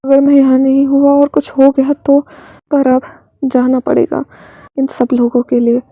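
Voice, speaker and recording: A woman voicing a protective older brother who talks softly and haltingly while hiding his grief. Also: high-pitched, completely flat delivery, no room sound, lo-fi sound. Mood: anguished. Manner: soft, halting, choked.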